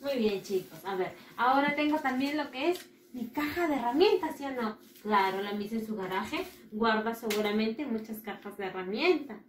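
A woman teaching children English vocabulary, repeating each word slowly for them to copy. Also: fairly high pitch, expressive, distant mic, a little hiss or hum. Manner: drills words slowly with repeated pronunciation. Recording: roomy echo with faint ambience.

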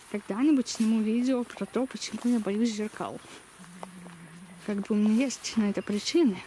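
Her voice is fairly high and mellow, marked by a slushy lisp that renders s as sh. The young woman vlogs in casual chat while walking outdoors along a village street, holding the camera at arm's length in a noisy recording.

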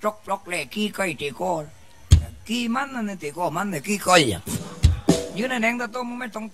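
A Southern Thai man performing a comic shadow-puppet show, full of rough, coarse banter. His voice sits high and gravelly, and loud folk music plays under him. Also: animated, fairly quick, low-quality recording.

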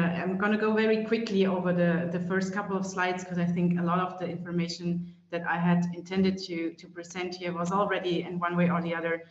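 A woman climate expert giving a webinar presentation over a video call, speaking hesitantly with many fillers and restarts. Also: lowish voice. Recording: echoey, dull-sounding video call audio.

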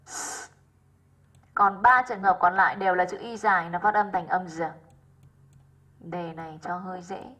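A woman's voice: lowish voice, fairly bright tone, husky, dull audio. A woman English teacher going over exercise answers with her pupils, often checking in with rhetorical questions.

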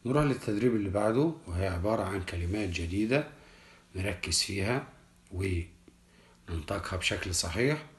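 A man, teaching a children's English lesson and explaining each word slowly and carefully. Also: low-pitched. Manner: slow, deliberate, repeats each word for children. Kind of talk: primary school English lesson, explained in Arabic.

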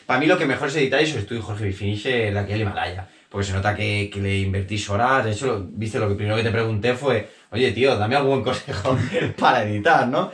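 A man in his thirties from Spain hosting a casual sit-down interview on a sofa, talking in a chatty, animated way with lots of fillers. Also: lowish voice, fast, hardly any pauses. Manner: chatty, animated, gesturing with hands, many fillers and restarts. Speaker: interviewer, channel host. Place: small bedroom sitting on a sofa. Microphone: camera on a tripod a few feet away. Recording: echoey small room.

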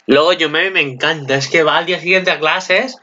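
A man with a Peninsular Spanish accent giving casual, excitable video commentary and swearing freely. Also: on the high side, a little fast, highs cut off, a little hiss or hum. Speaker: anime commentator.

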